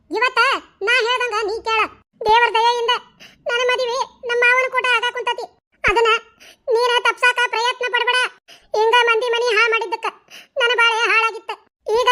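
A scheming village mother from a cartoon wails and scolds, as a woman acts her out. Her voice is extremely high and piercingly bright. She rattles off complaints in a shrill rush. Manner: wailing, scolding, rapid village banter. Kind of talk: cartoon dialogue.

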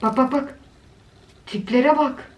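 A woman video creator with a high voice speaks slowly while giving casual reaction commentary on funny videos, chatting and cooing doting exclamations at what she watches. The room is echoey, with faint noise.

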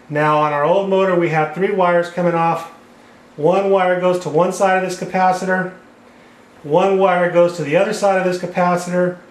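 This HVAC repair instructor's voice is a little high, with slight background noise and echoey room sound. He walks through the wiring one step at a time while drawing on a whiteboard indoors, and a camera over the board records him.

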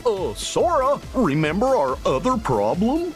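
A man voicing a good-natured, goofy cartoon dog in a video game, with a husky, hiccupy drawl. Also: high voice, huge pitch swings, unhurried, faint music behind, full character voice. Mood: mild, friendly.

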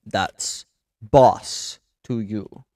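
Man as a domineering bandit uncle, barking, slow, loud. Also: lowish voice, steady tone, no room sound, studio quality. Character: bossy gruff male bandit uncle.

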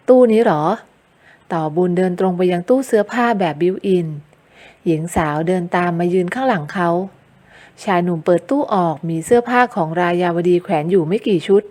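A woman narrating a horror audio novel. She tells the story in a steady, scripted way. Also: on the low side.

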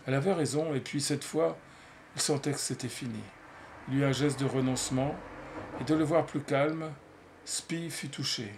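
A man reads a literary novel aloud in a measured, unhurried way, his pitch sitting in an ordinary middle range. Now and then he stumbles over a word or inserts a filler. It sounds like a home audiobook reading. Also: fairly even intonation, noisy background. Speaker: reader.

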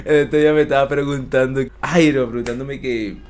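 A man with a Venezuelan accent, casually reacting to rap verses on a stream in a slangy, excitable way. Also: medium pitch, moderate pace, soft background music. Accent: Venezuelan Spanish. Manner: slangy, excitable, keeps saying "brother" and "¿me entiendes?".

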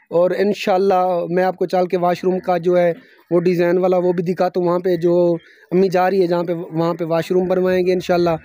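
A man's voice: sits high, mellow, dry recording. A young man filming his family's house building outdoors, talking earnestly and devoutly to his viewers. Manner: earnest, devout, many religious phrases. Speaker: family vlogger. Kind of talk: casual vlog narration. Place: outdoors at a rural building site.

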